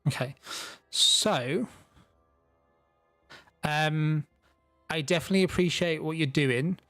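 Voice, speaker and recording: A man's voice: on the high side, slow pace, a bit bright, no room sound, faint music behind. Casual man running a tabletop game. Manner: casual, loose, swears freely. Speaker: dungeon master.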